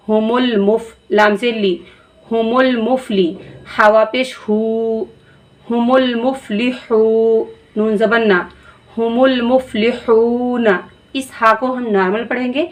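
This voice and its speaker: A woman teaching Quran reading to other women, spelling out syllables slowly and checking in with "theek hai" as she goes. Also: on the high side. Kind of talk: patient Quran reading lesson.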